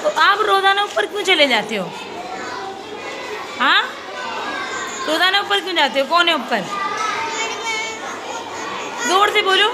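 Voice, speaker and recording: A young woman with a high voice vlogs casually from a school, a schoolteacher chatting and coaxing a child with questions on a phone she holds as she walks. Loud crowds of children chatter around her, and steady noise fills the background. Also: normal speed, long pauses. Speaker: schoolteacher and vlogger. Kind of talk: casual vlog chat. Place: school grounds and corridors. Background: children playing and chatter.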